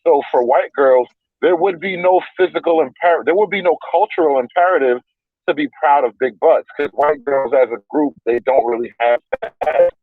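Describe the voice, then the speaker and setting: A man's voice: fairly high pitch, normal speed, dry recording. Man on a crackly, fading phone line. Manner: argumentative, explains at length, repeats words while thinking. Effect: crackly phone line that fades in and out. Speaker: call-in panel guest. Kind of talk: casual debate on a call-in show. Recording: tinny dropping-out phone line.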